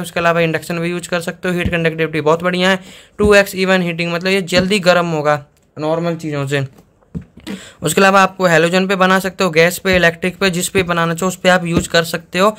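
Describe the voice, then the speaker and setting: A man's voice: high-pitched, flat delivery, a little fast, fairly bright tone, clear, resonant tone. A man doing a casual unboxing review, chatting to viewers and explaining each step plainly. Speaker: product reviewer.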